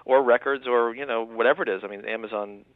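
A man's voice: medium pitch, fairly even intonation, fast, no echo. Man in his thirties on a phone line. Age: 30s. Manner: earnest, full of restarts and filler. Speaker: guest, newspaper writer. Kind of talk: radio interview, explaining. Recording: thin phone-line sound.

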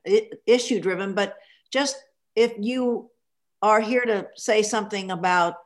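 Thoughtful woman radio interviewer. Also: mid-range voice. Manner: thoughtful, searching phrasing.

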